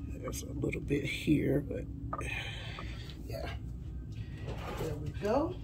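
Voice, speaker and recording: This kitchen cooking host speaks low and slowly, with huge pitch swings and vocal fry, chatting as she demonstrates and occasionally breaking off to tidy up and explain. She's mostly off frame from a counter-mounted camera, and background noise is heavy.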